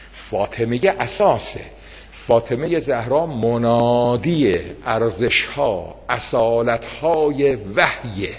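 A man preaching a sermon with great passion, swinging between loud outbursts and hushed, low phrases. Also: in a large hall.

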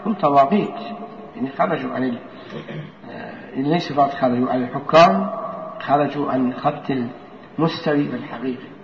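A man giving a religious lesson, reading old narrations and explaining them line by line in a steady, deliberate way. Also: mid-range voice, noisy background. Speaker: religious teacher. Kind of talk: hadith lesson. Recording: echoey room, dull lo-fi sound.

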